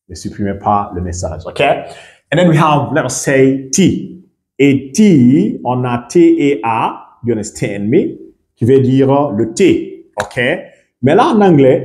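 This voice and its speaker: A man's voice: fairly low pitch, mellow. A young Guinean man with a Guinean French accent, teaching a bilingual pronunciation lesson and often checking that listeners understand. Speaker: English and German teacher.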